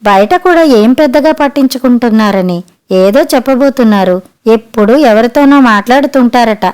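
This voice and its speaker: A woman narrating a family story for an audiobook in a steady, expressive storytelling read. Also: a little high, moderate pace, clear, resonant tone.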